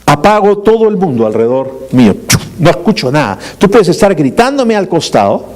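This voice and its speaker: A man's voice: fairly high pitch, big pitch swings, fairly quick, a little mellow. A middle-aged male pastor delivering a sermon in a conversational way, with humorous asides and frequent rhetorical questions.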